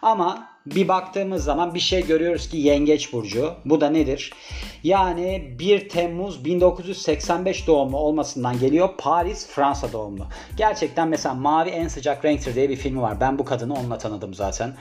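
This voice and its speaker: Young male vlogger, slightly high-pitched, casual and rambling with jokey asides; soft music bed. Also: moderate pace. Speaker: vlogger presenting a celebrity biography. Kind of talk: casual chatty monologue.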